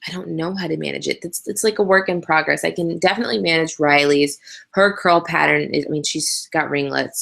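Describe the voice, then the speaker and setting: Low, gravelly and a bit bright, this young Canadian woman's voice carries a casual live webcam Q&A. She answers viewer questions candidly and chattily, laughing often and saying um frequently.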